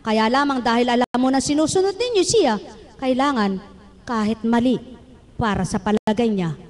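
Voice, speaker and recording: Woman, high-pitched, preacher, rousing sermon, calls questions to the congregation. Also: lively intonation, moderate pace, darkish tone, in a large hall. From Philippines.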